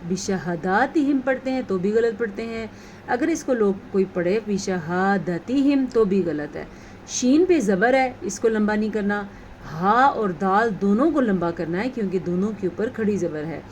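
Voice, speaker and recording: A woman teaching a tajweed lesson, explaining rules patiently and reciting words slowly. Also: medium pitch, expressive, a little mellow, slight background noise.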